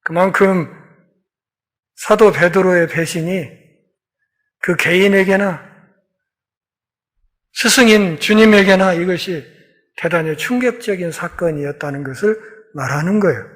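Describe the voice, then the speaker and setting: Leading a Bible lecture, a pastor with a notably high voice tells the story energetically, acting out the dialogue of biblical characters. He speaks a little slowly with frequent pauses, swinging between loud, pressing emphasis and quiet, low stretches.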